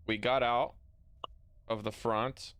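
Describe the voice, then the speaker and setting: A man's voice: medium pitch, extremely slow, a bit bright, no room sound. A man chatting and joking as a player and streamer of a tabletop game, laughing often.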